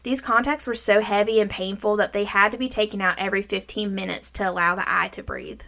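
A woman's voice: medium pitch, steady tone, brisk, creaky, pushed and bright. A woman around her thirties hosting a movie recap, mixing scripted summary with informal, salty chat. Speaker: podcast host.

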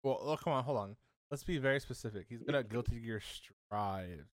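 A man's voice: mid-range voice, moderate pace, dry recording, clean studio sound. A man co-hosting a casual podcast, teasing the others and being fussy about details. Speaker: podcast co-host. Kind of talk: casual chat.

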